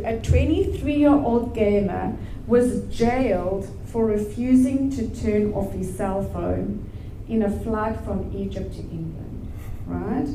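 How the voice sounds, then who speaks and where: Woman co-hosting a church talk, reads bible verses, super slow and mellow, roomy echo. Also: fairly high pitch, a little hiss or hum. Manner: measured, explanatory, reads verses aloud. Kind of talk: teaching with scripture reading. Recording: echoey room.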